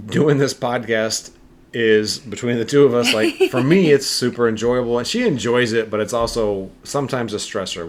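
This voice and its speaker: Man, low voice, casual podcast co-host, rambling with fillers, faint background hiss. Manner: rambling, filler-heavy explaining. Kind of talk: casual health podcast chat.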